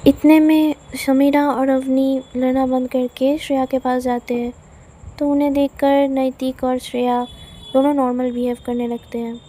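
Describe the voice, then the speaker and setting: Warm, fairly high-voiced woman storyteller. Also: flat delivery, normal speed, poor audio. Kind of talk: storybook narration.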